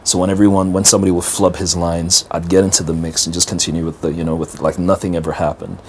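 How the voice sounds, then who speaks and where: A middle-aged man, telling a personal story in an interview as a lively storyteller who acts out the dialogue. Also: low voice, quick pace, slight background noise. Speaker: interview guest, business strategist and motivational speaker.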